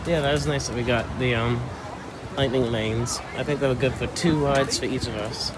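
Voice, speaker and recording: Male vlogger, everyday chat, medium pitch, very noisy busy park around him. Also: fairly even intonation, normal speed. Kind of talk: casual vlog chat. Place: busy theme park, outdoors. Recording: very loud crowd and outdoor noise. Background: loud crowd.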